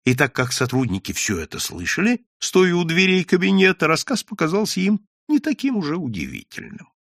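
A man reading a story aloud in a lively way, lifting his voice for the characters' lines. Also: fairly quick, vocal fry, dry recording, studio quality. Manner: lively, raises pitch and volume for characters' quoted lines. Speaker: audiobook narrator. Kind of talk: scripted narration with character voices.

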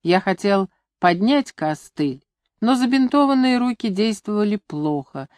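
A woman narrating a novel in a measured, even storytelling manner. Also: medium pitch, no echo. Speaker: audiobook narrator. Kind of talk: scripted literary narration.

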